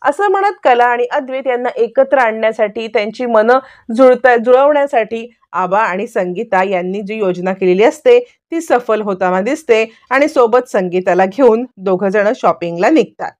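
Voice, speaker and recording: A woman's voice: fairly high pitch, lively intonation, normal speed, few pauses, darkish tone. A woman retelling a serial episode in a chatty storytelling way, with the dialogue woven in. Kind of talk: storytelling recap.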